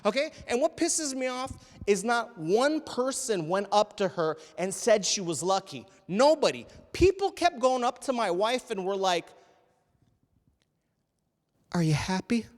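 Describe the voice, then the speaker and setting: A comedian from Canada doing stand-up, telling stories in an exasperated, profane way. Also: male voice, high voice, sing-song, moderate pace, few pauses. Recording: long reverb of a comedy hall.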